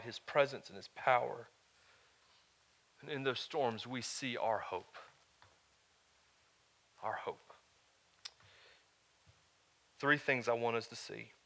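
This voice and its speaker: A man preaching a sermon to a live congregation, conversational, with joking asides, swinging from hushed to loud. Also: mid-range voice. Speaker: pastor.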